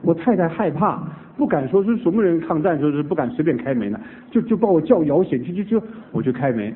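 A man preaching, telling a family conversion story with lively acted-out dialogue. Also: fairly high pitch, fast talker. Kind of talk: sermon testimony storytelling. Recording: tinny phone-like old recording.

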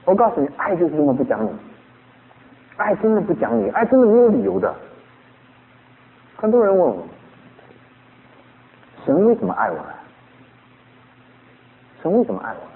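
A man preaching a sermon as a pastor, animated and full of rhetorical questions. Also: sits high, moderate pace, pauses often, in a large hall, narrow, tinny audio.

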